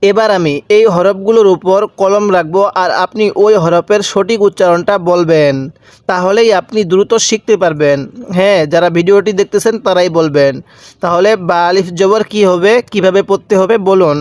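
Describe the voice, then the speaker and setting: A man with a fairly high voice leads a patient recitation lesson, stretching each syllable and repeating letter sounds so the listener can follow along. His voice sounds close and dry, with no room around it. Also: normal speed, darkish tone, dry recording. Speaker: Quran reading teacher.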